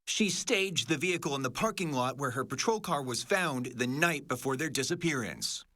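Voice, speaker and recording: A man's voice: mid-range voice, lively intonation, moderate pace, bright, forceful tone. A man with an American accent narrating a scripted television news report.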